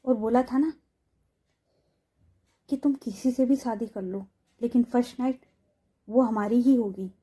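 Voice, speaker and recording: A woman's voice: on the high side, a little slow, pauses often, mellow, husky. A woman voicing a taunting, possessive young villainess. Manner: mocking, coaxing, menacing.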